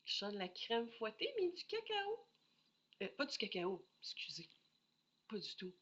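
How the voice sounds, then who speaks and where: A woman's voice: mid-range voice, animated, normal speed, fairly bright tone, slightly rough, highs cut off. A woman with a Québécois French accent chatting casually as she reviews perfume samples, thinking aloud and apologizing often, with a head cold. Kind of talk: casual solo review chat.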